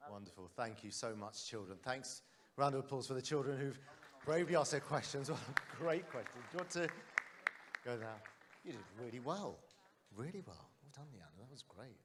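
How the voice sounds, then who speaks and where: A man's voice: mid-range voice, lively intonation, a little fast. A man hosting a live question session on a theatre stage, cheerful and encouraging, speaking into a handheld mic. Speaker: host. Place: large theatre with audience. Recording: live theatre crowd noise.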